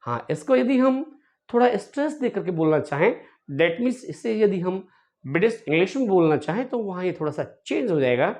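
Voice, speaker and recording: A male English teacher giving an online grammar lesson, drilling words by repeating them slowly and addressing viewers fondly. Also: high-pitched, big pitch swings, a little mellow.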